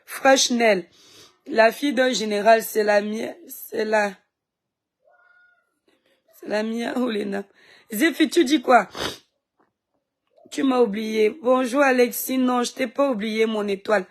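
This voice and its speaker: A woman's voice: on the high side, slow, pauses often. A woman from Cameroon chatting on a phone live stream, greeting viewers by name and talking back at critics, with a sore throat.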